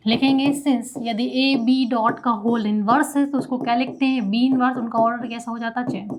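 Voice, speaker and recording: High-voiced woman teaching math. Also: fairly even intonation, moderate pace. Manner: asks herself questions and answers them. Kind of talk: classroom lecture, teaching by call and answer.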